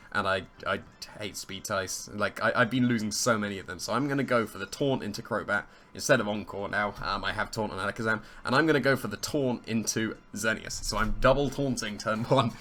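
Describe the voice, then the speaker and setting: Talking through his own competitive match, this croaky, slightly hoarse man muses aloud, weighs his options and is amused by his own moves. He pitches fairly low, with a pushed, bright delivery.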